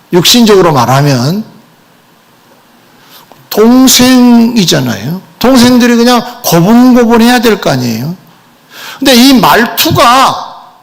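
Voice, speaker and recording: High, lively, gravelly male pastor preaching. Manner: animated preaching, asks the congregation rhetorical questions. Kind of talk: sermon.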